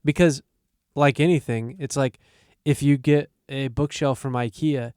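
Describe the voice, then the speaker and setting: A man's voice: medium pitch, steady tone, a little slow, darkish tone, clear, resonant tone, dry recording, studio quality. A man co-hosting a podcast in casual conversation, thinking aloud with restarts and little quoted asides. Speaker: podcast co-host.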